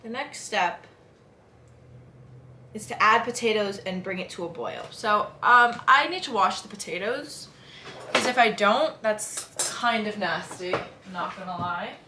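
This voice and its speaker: A young adult woman chats to camera while cooking in her home kitchen, informal and slangy, thinking aloud as she works in a casual vlog. Her mid-range voice is expressive and unhurried. The camera sits a step away, and the echoey room carries faint noise and kitchen clatter.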